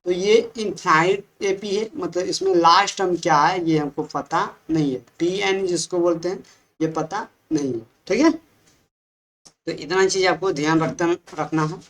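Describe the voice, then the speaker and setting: Woman maths teacher, Bihari Hindi accent, low voice, steady patient classroom talk. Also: measured pace. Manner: patient, repeats "ठीक है" and checks with the class.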